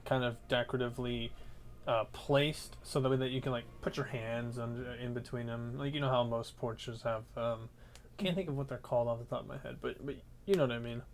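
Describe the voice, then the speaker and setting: A man acting as game master, narrating scenes and putting questions to players in a tabletop role-playing game. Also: medium pitch.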